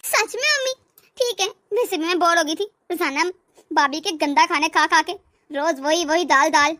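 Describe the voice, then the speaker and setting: A woman's voice: extremely high pitch, normal speed, sharp tone. A woman voicing a spoiled, whiny young daughter in a cartoon, always complaining. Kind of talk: cartoon voice acting.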